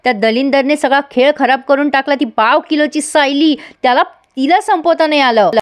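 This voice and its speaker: A woman's voice: sits high, brisk, close to an everyday voice. Woman reading as a furious gang boss. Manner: shouting insults. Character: angry male gang boss, threatening and crude.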